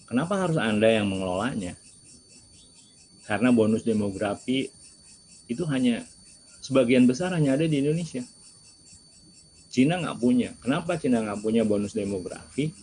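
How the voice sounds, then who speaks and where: A man's voice: medium pitch, lively intonation, moderate pace, pauses often, mellow, a little hiss or hum, low-quality recording. A man giving a lecture to students, asking rhetorical questions and answering them himself. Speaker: seminar speaker.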